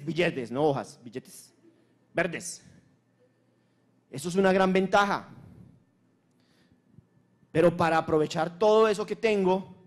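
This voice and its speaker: A Colombian man giving a motivational conference talk from a stage, emphatic and repetitive, with crude slang. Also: on the high side. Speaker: conference speaker. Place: stage at a launch event.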